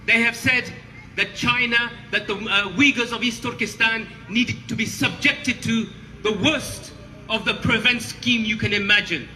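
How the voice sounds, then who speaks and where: A man's voice: very high voice, bright, forceful tone. A man giving an impassioned, roaring rallying speech to a crowd at an outdoor protest, putting emphatic questions to them. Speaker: protest speaker, former prisoner. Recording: noisy outdoor rally, reverberant amplified voice.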